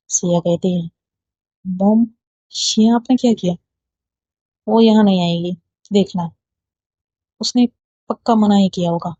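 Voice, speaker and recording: A woman's voice: mid-range voice, dark tone, dry recording. A woman reading a love story aloud, voicing every character in her own plain voice. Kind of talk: narrated love story, reading all parts. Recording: dull lo-fi dry recording.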